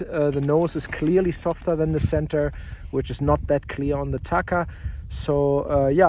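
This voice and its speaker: A man's voice: on the high side, a little mellow, a little hiss or hum. A man talking off the cuff in a casual gear review vlog outdoors at a ski area, thinking aloud between phrases. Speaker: snowboard reviewer.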